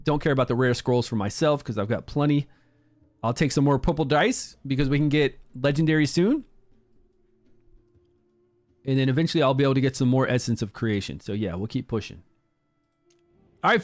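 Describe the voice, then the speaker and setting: A man casually commenting during a game livestream, chatting with viewers and greeting them by name. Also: on the high side. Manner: upbeat, promotes the game.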